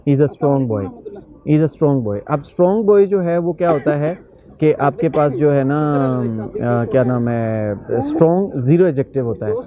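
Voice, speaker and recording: A man giving a grammar lecture as an English teacher, explaining step by step and slowing down to say the English example sentences. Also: mid-range voice, lively intonation, dark tone, lo-fi sound. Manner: mixes English examples into explanation, slows for English phrases.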